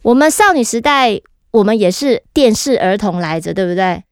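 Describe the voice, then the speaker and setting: A woman's voice: medium pitch, animated, moderate pace, clean tone, no echo. A middle-aged woman with a Taiwanese Mandarin accent, co-hosting a casual podcast in a studio while speaking through a face mask. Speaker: podcast co-host. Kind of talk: casual chat. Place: recording studio.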